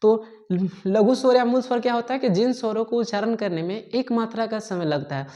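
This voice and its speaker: A woman teaching a grammar lesson, dictating notes slowly and repeating each point with frequent checking fillers. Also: fairly high pitch, mellow.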